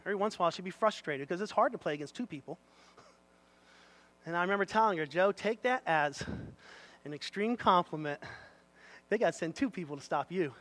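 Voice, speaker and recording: High, bright-voiced impassioned male preacher. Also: animated, fairly quick, pauses often. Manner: impassioned, swings between loud exhortation and low asides; calls out congregation members by name. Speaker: pastor. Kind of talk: sermon. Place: church.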